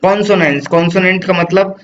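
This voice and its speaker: A man teaching English literature, explaining poetic devices patiently, repeating points, asking rhetorical questions and reading poem lines slowly. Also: high-pitched, fairly even intonation. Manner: reads poem lines slowly, mixes English terms into his talk. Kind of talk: classroom lecture. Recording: dull lo-fi sound with faint noise.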